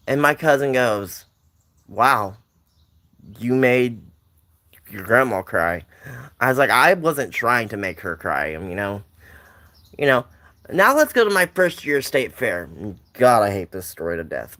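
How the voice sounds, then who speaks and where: Rambling young man with a lively voice. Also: mid-range voice. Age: young adult. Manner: rambling, repeats himself, chats to viewers. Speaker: livestreamer telling a family story. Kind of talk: casual livestream storytelling.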